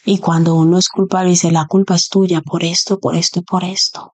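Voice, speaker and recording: A woman preacher delivers an earnest sermon in a low-set voice. She drives her points home with rhetorical questions aimed at her listeners. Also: level tone, normal speed, a little mellow.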